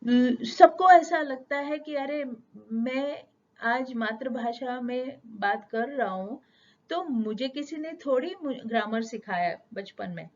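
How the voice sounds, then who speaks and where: A middle-aged woman teaching spoken English, explaining patiently with everyday examples and slowing down on English sentences. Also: sits high. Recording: dull lo-fi sound.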